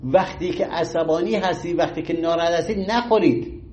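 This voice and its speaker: A middle-aged man giving an informal health talk in an animated, folksy way, acting out little everyday scenes. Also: on the high side, highs cut off. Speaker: health lecturer.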